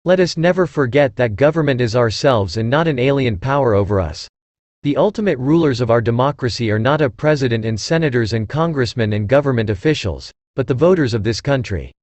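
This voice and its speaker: This is scripted narration of inspirational quotations by a man with a deep, firm, darkish voice and lively intonation. He reads solemnly and at a measured pace, stressing how each phrase closes, and the audio is completely dry with no room around it.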